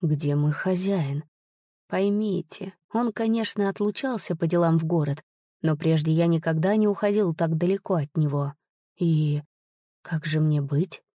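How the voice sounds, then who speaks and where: A woman voicing a timid, apologetic male servant who speaks in a hushed way, in an audiobook. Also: mid-range voice, a little slow, breathy edge, dry recording, studio quality. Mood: worried.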